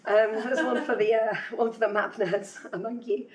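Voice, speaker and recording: A woman's voice: a little high, fairly even intonation, normal speed. A woman giving a technical conference talk while losing her voice, chatty and self-deprecating, with many ums. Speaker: conference speaker. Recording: distant voice with faint hum.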